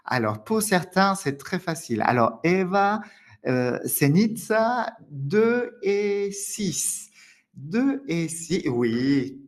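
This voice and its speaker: A French man teaching a live online lesson, friendly and laughing often, with a French accent. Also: on the high side. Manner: friendly, laughs often, many "d'accord?" and "alors". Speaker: French teacher hosting a webinar.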